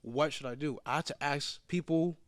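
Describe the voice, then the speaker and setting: A man's voice: on the high side, normal speed, no echo. A man of twenty-seven telling a story in a casual group talk, swearing freely and acting out what people said. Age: 20s. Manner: profane, animated storytelling.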